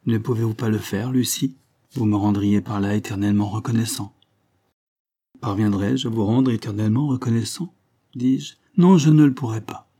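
A man reading a classic novel aloud as audiobook narration, measured, rising for emotional passages. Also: fairly low pitch, warm tone. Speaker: audiobook reader.

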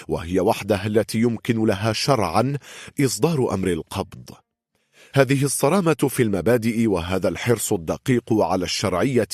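A man narrating an audiobook in a steady, measured reading voice. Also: fairly low pitch, no room sound, clean studio sound.

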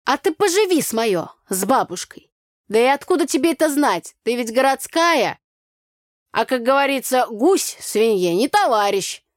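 A woman's voice: high voice, sing-song, normal speed, dry recording, clean studio sound, pitched above the performer's own voice. A woman voicing a brash, chatty village girl who speaks in folk sayings. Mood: boisterous. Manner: brash, loud, chattering in proverbs.

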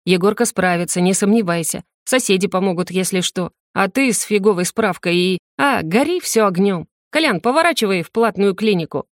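Audiobook side character: a woman reading a bossy, teasing restaurant owner, mid-pitched, dry sound. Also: expressive, brisk, hardly any pauses, no room sound, lightly acted. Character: brash warm-hearted woman restaurant owner.

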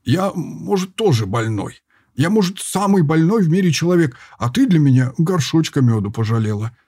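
A man's voice: mid-range voice, very animated, normal speed, mellow, slightly rough. A man doing a lazy, whiny little fat man. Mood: sulky. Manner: lazy, offended grumbling. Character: short plump lazy man, cheeky and whiny.

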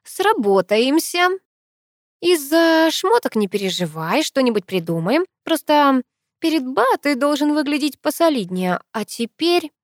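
Female reader plays a sassy, mocking kid sister, lively and high, storybook audio. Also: a little slow, dry recording, studio quality. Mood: teasing. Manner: sassy, teasing. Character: cheeky teenage girl, the narrator's younger sister.

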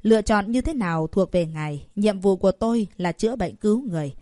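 A woman's voice: medium pitch, animated, fairly quick, dark tone, dry recording, studio quality, close to an everyday voice. A woman voicing a serious, composed young male doctor who stands firm. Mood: stern. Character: calm steady young male herbal doctor.

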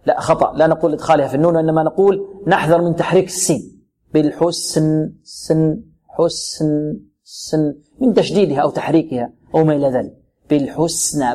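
A man teaching Quran recitation, patiently correcting mistakes and repeating single sounds and words slowly. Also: a little high, a little mellow. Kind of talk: tajweed lesson with recitation and correction.

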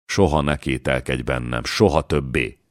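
A man voicing a defiant young peasant warrior maiden who shouts rousing battle cries. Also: rumbling low, fairly even intonation, no room sound, studio quality, pitched below the performer's own voice.

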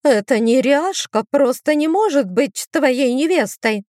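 A pampered, shrill young demon girl, as a woman narrator puts her on, pushing every line up high into squealing outrage. Her voice is dry and close, with no room at all around it. She sounds endlessly offended by everyone around her. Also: lively intonation, unhurried, a little mellow, dry recording. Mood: indignant. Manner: indignant, squealing exclamations. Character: haughty shrill young female demon sister.

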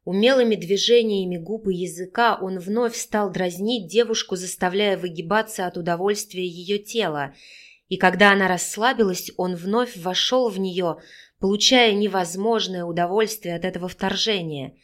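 A woman narrates a romance audiobook in an expressive, steady reading voice. Her pitch sits in a middle range for a woman. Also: normal speed. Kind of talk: scripted narration of a romance novel.

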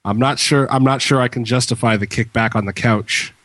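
A man's voice: mid-range voice, steady tone, a little fast, a bit bright, no echo. A man chatting casually about tech as a podcast co-host, in an informal, talkative way. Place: room with bare walls, slightly reverberant.

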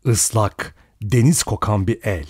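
A man narrating an audiobook dramatically, slowing and speeding for suspense. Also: on the low side, husky, no echo, studio quality. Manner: expressive, varies pace for suspense.

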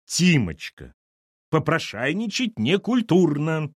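A man's voice: a little high, very animated, slow, husky, dry recording, studio quality, pitched above the performer's own voice, exaggerated voice. A man voicing a fussy, tearful grandmother who gushes sentimentally in an audiobook. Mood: gushing. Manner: gushing, sentimental.

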